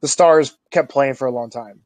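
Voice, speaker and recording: A man's voice: mid-range voice, moderate pace, no room sound. Laid-back man in his thirties, dry sound. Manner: relaxed, rambling, many fillers. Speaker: podcast co-host. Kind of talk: casual chat.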